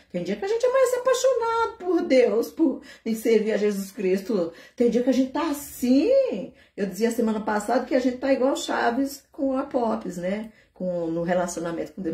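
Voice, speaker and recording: Woman preacher, mellow tone, chatty animated sermon, roomy echo. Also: a little high. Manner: conversational, animated preaching with acted prayers.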